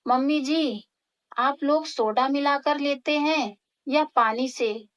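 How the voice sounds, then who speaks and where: A woman voicing a cheeky, lazy young daughter-in-law who makes sly, deadpan comebacks. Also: high voice, takes it slowly.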